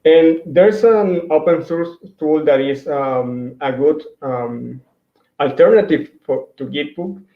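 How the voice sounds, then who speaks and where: Taking it slowly in a slightly high voice, a hesitant man from Mexico gives a virtual tech talk with slides. Spanish is his first language, and he restarts often and uses many fillers. Captured by a computer mic on a video call, the recording sounds roomy, dull and lo-fi.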